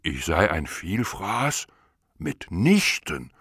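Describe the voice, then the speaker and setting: A man voicing an excitable, greedy male bear in an audiobook fable, pleading and crying out eagerly. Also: takes it slowly, slightly rough, no echo, studio quality, exaggerated voice. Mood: indignant. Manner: eager, pleading, rising to high excited cries. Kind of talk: audiobook reading of a verse fable.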